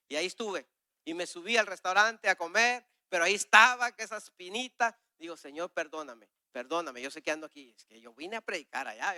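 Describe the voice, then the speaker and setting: A man preaching a sermon with a personal testimony, swinging between loud, urgent exhortation and hushed, confessional asides as he acts out conversations. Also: a little high, clear, resonant tone, no room sound, clean studio sound. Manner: acts out dialogues with God and others.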